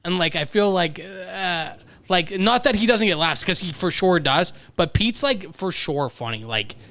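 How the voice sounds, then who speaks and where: A man's voice: high voice, expressive, unhurried, fairly bright tone. Rambling casual man hosting a podcast. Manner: loose, rambling, lots of "like". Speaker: podcast host. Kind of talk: casual chat.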